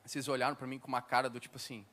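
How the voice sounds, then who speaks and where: A man's voice: mid-range voice, flat delivery, very fast, bright, forceful tone. A man preaching in a casual storytelling way, mocking himself as he recounts an anecdote. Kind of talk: storytelling sermon.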